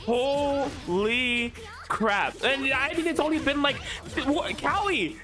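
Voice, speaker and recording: A commentator on a fighting game tournament stream, excitable and laughing along with the plays. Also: high voice, slow pace, music in the background. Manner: excitable, laughing, disbelieving shouts. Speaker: esports commentator.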